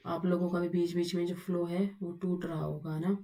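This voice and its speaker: A woman's voice: on the low side, little pitch movement, normal speed, dark tone, far from the mic. A woman teaching an online exam-prep class. She keeps asking her students rhetorical questions and answers them herself. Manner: often says "bhai" to students. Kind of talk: recorded online lecture.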